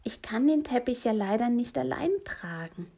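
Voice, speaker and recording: A woman's voice: a little high, lively intonation, normal speed, vocal fry, warm tone, pitched above the performer's own voice. A woman voicing a cheerful, brave male skunk, bold and coaxing in a storybook. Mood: eager.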